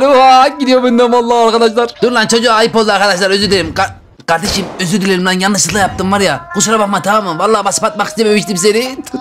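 A man gives excited, joking gameplay commentary while talking to his viewers. His voice sits very high and he talks fast. Faint game music plays underneath. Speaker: gaming channel host.

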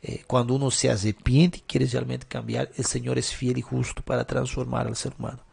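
A middle-aged male pastor's voice is mid-range, gravelly, darkish, and slightly rough, with little pitch movement and a fairly quick pace. His question-and-answer sermon advice is rhetorical, with tag questions attached to his sentences constantly.

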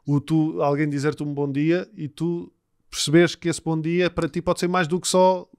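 A man with a European Portuguese accent, hosting a podcast in casual chat and talking haltingly when he explains a point. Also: a little high, little pitch movement, darkish tone, clear, resonant tone, no room sound, studio quality. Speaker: podcast host.

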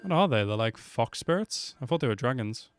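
Game trailer sound and music run under this reaction video host, a man in his twenties with an expressive, mid-range voice who talks a little fast. Recorded close on a desk microphone and headset, his commentary is casual, slangy, and full of swearing.

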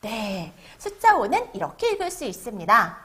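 A woman teaching young children to read and write numbers, drawing out words slowly for them to repeat. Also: fairly high pitch, huge pitch swings, a bit bright. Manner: sing-song, slow drawn-out counting for children to repeat. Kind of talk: children's math lesson.

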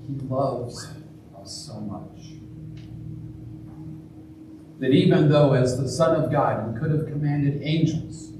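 A man leading a church service, preaching and then chanting the eucharistic prayer in a slow, measured liturgical way, with a heavy cathedral-like echo. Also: mid-range voice. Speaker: priest. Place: large church. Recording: echoey church from far off, noisy.

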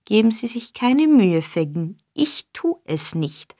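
A woman's voice: mid-range voice, very animated, slow pace, mellow, dry recording, clean studio sound, exaggerated voice. A woman reading an audiobook, voicing a defiant young street woman who speaks curtly and firmly. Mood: calm, defiant. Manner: curt, firm.

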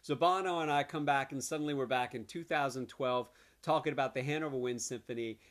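A man telling a comic tall tale to camera in a deadpan way, jumping up in pitch when he quotes people. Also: a little fast. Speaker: comedic storyteller.

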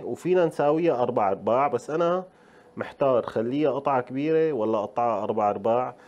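A male cooking-show host with a Levantine Arabic accent walks viewers through a recipe in a home kitchen. His pace is brisk and his voice sits at a middling pitch. He keeps up a chatty, playful stream of remarks aimed at the audience. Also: a little mellow, slight background noise. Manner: chatty, speaks straight to viewers, playful asides. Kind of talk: casual cooking tutorial.

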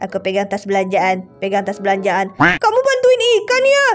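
A woman putting on a gruff, low little boy. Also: huge pitch swings, normal speed, faint music behind. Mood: cheerful. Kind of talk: voiced game drama.

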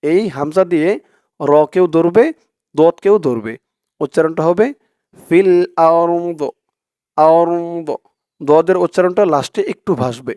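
A man teaching Quran reading, spelling words out letter by letter and explaining the sounds slowly and patiently. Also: fairly high pitch, lively intonation, dark tone, dry recording, studio quality. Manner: slow drawn-out chanting when reciting, brisk plain explaining between. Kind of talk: recitation lesson, spelling out letter by letter.

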